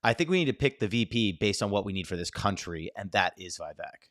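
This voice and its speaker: Male podcast co-host, lowish voice, blunt and opinionated, dry close sound. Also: lively intonation, fairly quick, a bit bright, no room sound. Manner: blunt, opinionated, laid-back. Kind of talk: casual political chat.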